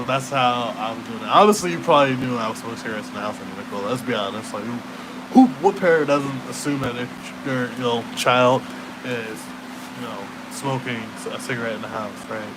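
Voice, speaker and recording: A young man rambling in a casual, laid-back stoner way, with slangy, profane talk that trails off and circles back. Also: mid-range voice. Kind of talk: casual late-night chat, rambling. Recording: clearly noisy room hum.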